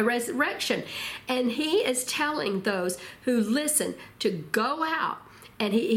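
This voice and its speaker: A woman preaching a Bible teaching, expressive and slowing down to stress key words, often asking rhetorical questions. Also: on the high side. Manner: expressive, slows for emphasis. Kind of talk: sermon.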